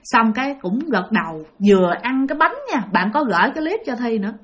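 Her voice on the high side, brisk and lively in intonation, a woman with a Southern Vietnamese accent chats her way through a spooky ghost story. As host, she keeps speaking directly to her listeners.

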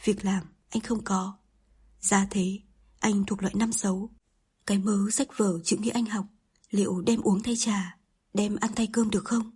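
A woman's voice: medium pitch, steady tone, unhurried, a little mellow, slightly rough. A woman narrator voicing a harsh, scornful older mother in an audiobook, scolding with contempt.

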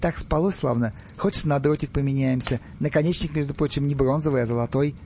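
A man voicing a sleepy army commander who bargains in a quick, coaxing undertone, in a dull lo-fi recording. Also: darkish tone, slight background noise, close to an everyday voice. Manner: quick, coaxing and low-voiced. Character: wheedling, sleepy male army commander, bartering.

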